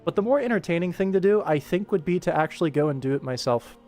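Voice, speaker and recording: A young adult man streaming his animation work chats at a quick pace in a slightly mellow voice on the high side with lively intonation. He rambles casually and jokily, often putting himself down, with background music behind him.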